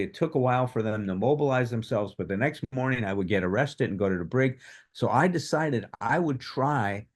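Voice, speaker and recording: A man in his seventies telling his own story in animated fashion at a recovery workshop, acting out the voices of people in it. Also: medium pitch. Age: 70s. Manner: animated, acts out quoted dialogue. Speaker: workshop speaker on addiction recovery. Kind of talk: personal storytelling.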